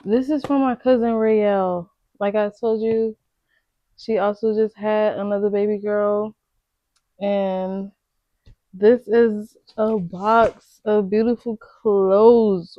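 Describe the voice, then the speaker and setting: A woman's voice: medium pitch, slow, muffled recording. Gushing young pregnant woman vlogging. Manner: gushing, excitable, slangy. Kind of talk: casual unboxing chat.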